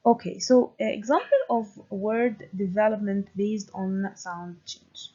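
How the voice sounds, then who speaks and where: A woman delivers a university lecture at an unhurried pace, with a faintly husky voice. She speaks deliberately, filling gaps with "uh" and checking in with "okay". The recording sounds dull and lo-fi. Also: mid-range voice, mellow.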